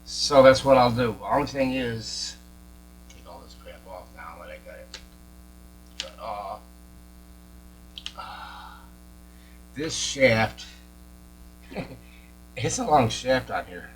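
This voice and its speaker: Slow and expressive, with long pauses, a mid-pitched man talks himself through repairs in a workshop, casually narrating and muttering as a radio repair hobbyist. The recording is rough, with distinct mains hum and noise.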